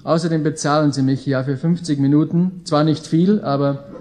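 With a slightly high, steady, a little mellow voice at a moderate pace, a man in his late thirties with an Austrian accent preaches informally to a live indoor audience, emphasizing key phrases. He's a visiting preacher and Bible school leader, and there is a little hiss or hum.

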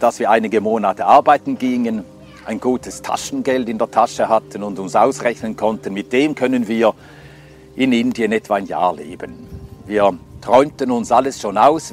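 A medium-pitched older man from Scandinavia, whose native tongue is Swedish, tells his own life story as a testimony, pausing reflectively and leaning on frequent fillers.

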